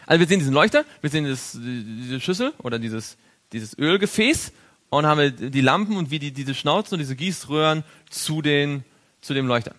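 A man's voice: fairly high pitch, animated, fairly quick, a bit bright. A man teaching a Bible study to a group, drawing on a board as he goes, asking questions and chuckling now and then. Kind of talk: interactive Bible study lesson.

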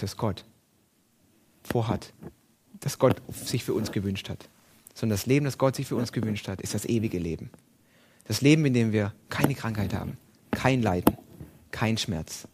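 A man's voice: medium pitch, darkish tone, slight background noise. A man preaching a sermon and reading Bible passages aloud, with emphatic, rising and falling delivery.

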